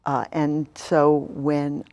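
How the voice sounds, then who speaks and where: A woman's voice: sits low, monotone, drawn-out words, dark tone. An older woman from New York City, a novelist guest answering interview questions in a reflective, earnest way.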